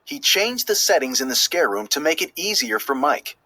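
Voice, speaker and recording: A man tells a children's story from a script at normal speed, his fairly high voice very animated and a little husky. He delivers it expressively, emphasizing key words, and the recording has no echo.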